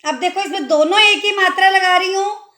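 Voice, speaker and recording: A woman's voice: very high-pitched, pushed and bright. A woman Hindi teacher giving a children's lesson, drawing words out syllable by syllable and patiently explaining, asking the viewer questions as she goes. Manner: drawn-out syllable-by-syllable pronunciation of words. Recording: echoey room.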